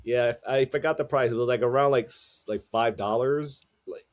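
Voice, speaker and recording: A man co-hosts a loose podcast conversation. He stammers through his thoughts and restarts often, rambling his way to the point. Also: mid-range voice. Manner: rambling, halting, many restarts. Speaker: podcast co-host. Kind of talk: casual chat.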